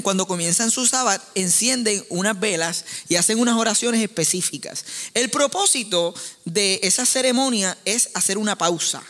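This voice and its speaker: A man preaches to his congregation in a high, bright voice. He tells stories with humor and acts out the voices of his family members. His voice carries the long reverb of a large hall. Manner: animated, joking storyteller who acts out family members. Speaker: pastor. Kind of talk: sermon.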